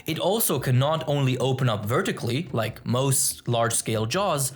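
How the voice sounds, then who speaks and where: A man reading scripted nature documentary narration in a measured, formal, expository way. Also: mid-range voice.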